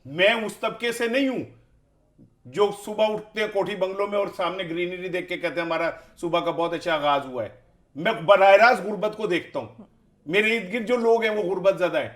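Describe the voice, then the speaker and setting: A man's voice: high-pitched, fairly bright tone. A man giving heated political commentary as an analyst, speaking in an impassioned, rhetorical way and piling up questions.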